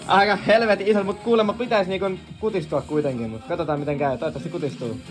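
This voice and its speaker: A man's voice: sits high, fairly even intonation. A young man casually narrating a garage vlog, joking and swearing as he works. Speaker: vlogger. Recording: music playing loudly in the garage. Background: loud music playing.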